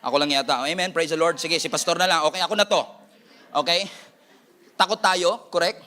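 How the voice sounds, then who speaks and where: A Filipino-accented pastor preaches with energy, mixing Filipino and English and tossing playful asides to his flock. His voice sits high for a man and rings bright and forward. The delivery is a lively sermon. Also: brisk.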